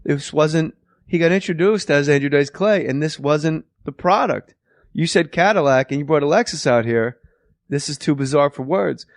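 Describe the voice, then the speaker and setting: A man, a comedian, telling a story on a podcast, loud and laughing, shouting the punchlines. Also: on the high side, moderate pace, no echo, studio quality.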